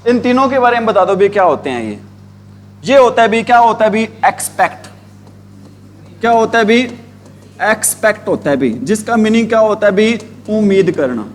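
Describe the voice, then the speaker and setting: A man's voice: high voice, lively intonation, slight background noise. A man teaching English grammar, asking the same questions again and again and drawing out the words he spells. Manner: repetitive call-and-response questioning, drawn-out spelled words. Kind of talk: classroom grammar lesson in Hindi.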